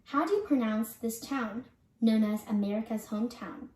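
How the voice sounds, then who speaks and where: A young woman presenting a scripted pronunciation lesson, speaking carefully and deliberately like a teacher. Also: on the high side, darkish tone. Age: young adult. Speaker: student presenter. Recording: echoey room.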